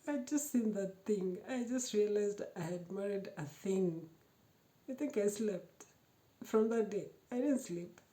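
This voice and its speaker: A woman giving a personal testimony, telling her story in a lively way, laughing often and acting out the quoted dialogue. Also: mid-range voice, a little slow. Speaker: testimony speaker.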